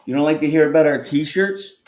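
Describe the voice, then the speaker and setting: A man hosts a call-in show and teases his callers with quick comebacks. His voice sits slightly high. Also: darkish tone, roomy sound. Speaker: host. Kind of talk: casual podcast banter.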